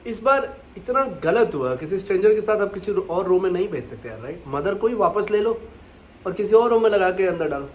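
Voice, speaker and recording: A man's voice: high-pitched, expressive, a little fast, a little hiss or hum. A man co-hosting a travel vlog, chatting casually and conversationally. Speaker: co-vlogger. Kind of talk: casual chat.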